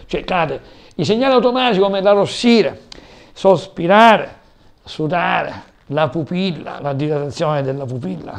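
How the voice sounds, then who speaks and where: A man's voice: fairly high pitch, vocal fry, darkish tone. A man lecturing a class on communication, explaining term after term with frequent hesitations.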